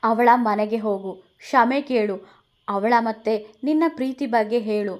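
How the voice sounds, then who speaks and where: A woman reading a carefree young man who orders his friend around. He talks in a light, fairly high voice. His tone stays offhand and bossy. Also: measured pace, close to an everyday voice.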